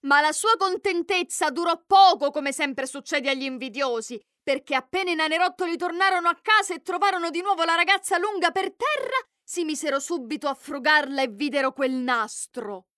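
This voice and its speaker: A woman reading a fairy tale aloud in an expressive storytelling manner. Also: high-pitched, fairly quick, few pauses, no room sound, studio quality. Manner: expressive, varied storytelling with voiced characters.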